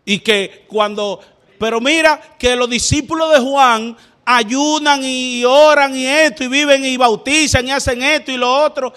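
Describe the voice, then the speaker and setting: High-voiced, slow-preaching man. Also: clear, resonant tone. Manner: rhetorical questions, building to shouted fervent passages. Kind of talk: sermon.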